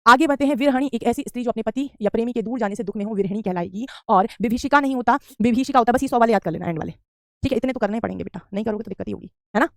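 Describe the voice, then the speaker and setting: Female tutor: quick, drilling delivery, keeps repeating answers, very dry recording. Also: on the high side, gravelly, dry recording. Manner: answers student questions, says "beta" often; repeats correct spellings for drill. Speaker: Hindi teacher. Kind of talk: online exam-prep class.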